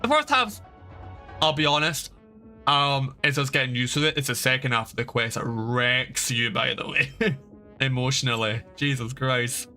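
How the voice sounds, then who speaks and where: Speaking at a normal speed, the streamer has a mid-range, sharp voice. His livestream game commentary is casual, rambling, informal, and emphatic, set against game music.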